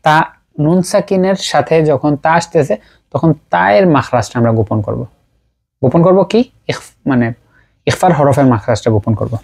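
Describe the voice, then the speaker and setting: A man teaching Quran recitation rules. He writes examples on a board as he explains, speaks haltingly with frequent pauses and fillers, and drills each term through slow repetition. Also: a little high, animated, gravelly, a little mellow. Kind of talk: explanatory lesson at a writing board.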